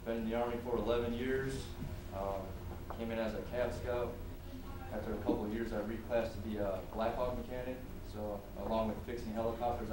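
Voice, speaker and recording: A man from Wisconsin introducing himself to a group as an army sergeant. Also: mid-range voice. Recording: echoey room, distant mic, noise.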